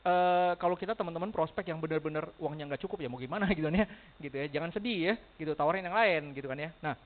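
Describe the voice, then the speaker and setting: A man speaking fast with a high voice, telling stories to a room of sales agents. He acts out the other people's lines and laughs as he goes. The sound is thin and phone-like. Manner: animated, laughs often, acts out dialogue. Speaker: motivational speaker. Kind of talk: storytelling talk to a sales team.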